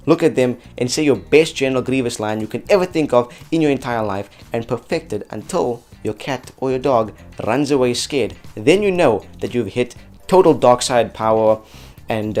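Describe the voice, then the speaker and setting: A man with a mid-range, slightly mellow voice hosts an audio effects tutorial, reading casual scripted narration. He's chatty and jokey, addressing viewers informally.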